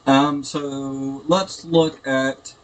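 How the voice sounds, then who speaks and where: Very slowly and with little change in pitch, a man in the mid-range talks through his gameplay in a loose, hesitant, wandering way. As a gaming video host, he is picked up by a built-in computer mic that sounds tinny and echoey, with background noise.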